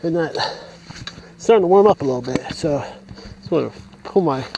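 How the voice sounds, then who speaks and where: A man's voice: fairly high pitch, expressive, fairly quick, vocal fry, mellow, a little hiss or hum. A man vlogging as he hikes a steep mountain trail, short of breath and rambling as he thinks aloud to his camera. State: short of breath while climbing. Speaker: hiker vlogger. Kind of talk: casual hiking vlog narration. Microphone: camera on an extended mount.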